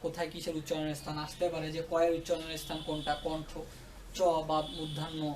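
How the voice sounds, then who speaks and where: A man's voice: on the high side, completely flat delivery, quick pace, far from the mic, a little hiss or hum. A male tutor explaining a grammar lesson, often stopping to ask if students follow. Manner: checks understanding with repeated questions. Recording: roomy echo, away from the mic.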